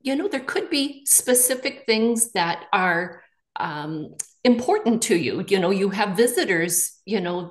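A real estate agent in her sixties leads a webinar panel from her living room, speaking casually and often saying "you know." Her pitch is medium, and the sound comes through a video call microphone.

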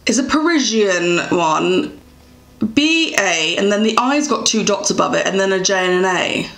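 A woman's voice: mid-range voice, lively intonation, moderate pace, creaky, fairly bright tone. Young woman, English accent, casual beauty vlog, chatty and rambling, roomy echo. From England. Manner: chatty, rambling, many fillers and self-corrections. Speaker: beauty vlogger. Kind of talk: casual product review. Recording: echoey room.

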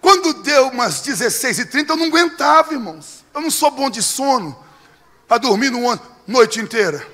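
A Brazilian man preaching a sermon as pastor, telling a story and building to shouted preaching. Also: very high-pitched, animated, a little fast, big-room sound. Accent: Brazilian Portuguese.

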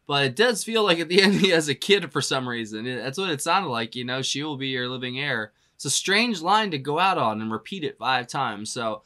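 A man with a bright, forceful voice gives a casual music reaction. He rambles loosely, stacking up "you know" and "like" as he thinks aloud, and laughs often between thoughts. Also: a little high, animated, fairly quick, few pauses. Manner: laughs often while talking.

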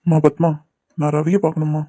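A man plays a calm, reassuring middle-aged father in a cartoon drama, who speaks in a fairly high register. He talks patiently and slips in English words. The sound is close and dry, with no room around it. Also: a little fast, no echo, lightly acted. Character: middle-aged father, calm, then worried over lost money. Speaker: doctor and father.

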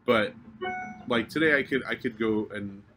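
A man in his thirties talks in a lowish, relaxed voice as a fitness coach on a livestream. He rambles and swears casually. He is recorded on a webcam in an open garage with faint music in the background. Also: normal speed. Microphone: webcam on a table.

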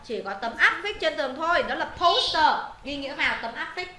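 A woman's voice: sits high, expressive, fairly quick, sharp tone, roomy sound, a little hiss or hum. A woman English teacher, walking students through exam answers, repeating words and checking they follow. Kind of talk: exam answer walkthrough lesson.

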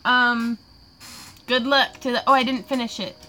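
A giggly young woman with a lilt, slightly tipsy, rambles happily through viewer questions while she crafts. Her voice sits a bit high, and she laughs between sentences. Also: flat delivery, moderate pace, sharp tone, slight background noise. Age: 20s. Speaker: craft vlogger hosting a live Q&A. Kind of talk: casual livestream chat while crafting.

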